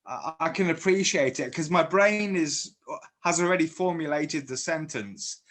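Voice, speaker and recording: Speaking at a measured pace with a fairly high, fairly bright voice, a man from Guernsey chats casually on video as an interviewer. His British accent mixes Channel Islands and South Yorkshire, and he often starts his sentences over.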